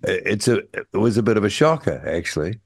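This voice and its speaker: A mature man with a New Zealand accent and a fairly low voice hosts a radio chat. He is informal and opinionated, talking casually. The sound is dry, with no room around it. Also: very animated, a little fast, gravelly, slightly rough, no room sound. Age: middle-aged or older. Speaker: breakfast radio host.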